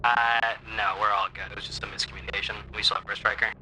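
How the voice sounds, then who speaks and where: A man's voice: lowish voice, little pitch movement, quick pace, noisy background. A man speaking over a walkie-talkie during an airsoft game, giving brief, clipped radio replies. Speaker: squad radio operator in an airsoft milsim game.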